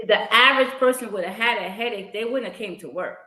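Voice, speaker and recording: Animated woman host in a roomy space. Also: medium pitch, quick pace. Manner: animated, tells personal stories with frequent restarts. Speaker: podcast host. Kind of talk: casual conversational interview. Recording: roomy echo.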